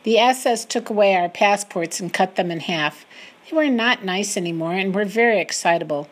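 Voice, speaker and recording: A woman reading a first-person wartime memoir aloud, getting loud and emotional in the quoted speech. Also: medium pitch, moderate pace.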